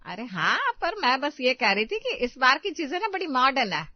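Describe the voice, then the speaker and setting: A woman's voice: sits high, sing-song, moderate pace, dry recording. A woman voicing a middle-aged cartoon mother-in-law who placates and brushes off complaints. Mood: defensive. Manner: placating, dismissive. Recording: dry, dull lo-fi voice track.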